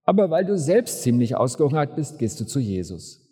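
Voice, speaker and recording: A man's voice: medium pitch, very animated, moderate pace, mellow, slightly rough. A man telling a story as a preacher, speaking vividly and directly to the listener, in a reverberant hall. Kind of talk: sermon storytelling.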